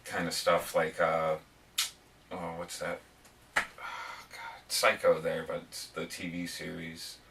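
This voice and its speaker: A man with a very deep but bright voice rambles through loose stories in casual podcast talk. He sits away from the mic. A faint hiss runs under his voice. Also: monotone, takes it slowly, vocal fry, long pauses. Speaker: podcast co-host. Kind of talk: casual chat. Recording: distant mic with faint noise.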